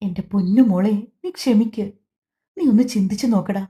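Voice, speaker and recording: A woman voicing a remorseful, tender young husband in a family audiobook, speaking softly and apologetically. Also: mid-range voice, normal speed, lightly acted. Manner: soft, apologetic. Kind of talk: audiobook dialogue.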